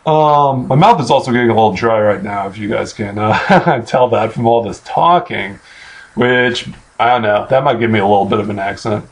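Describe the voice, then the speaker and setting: An American man in his late twenties answers questions off the cuff in a halting, casual way, thinking aloud into a computer mic in a bedroom. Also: lowish voice. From Missouri, United States. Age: late 20s. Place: small bedroom, indoors. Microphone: webcam or computer mic at arm's length.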